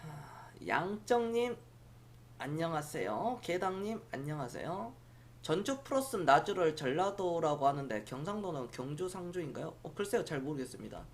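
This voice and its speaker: A man's voice: fairly high pitch, big pitch swings, moderate pace. A middle-aged man from Jeolla province, chatting casually on a stock-market live stream, rambling and answering viewers' comments aloud. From Jeolla province, South Korea.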